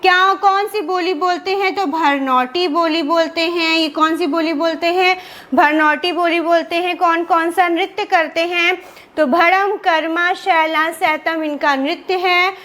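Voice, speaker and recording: A woman's voice: very high-pitched, steady tone, measured pace, a bit bright. A woman teaching an exam-prep lesson, asking questions and answering them herself while repeating key terms. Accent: Indian Hindi. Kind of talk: classroom lecture with repetition and revision.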